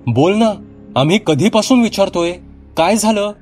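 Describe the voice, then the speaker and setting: A man's voice: sits high, animated, normal speed, darkish tone, faint music behind, pitched above the performer's own voice. A man voicing an impatient young friend. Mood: insistent. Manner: insistent.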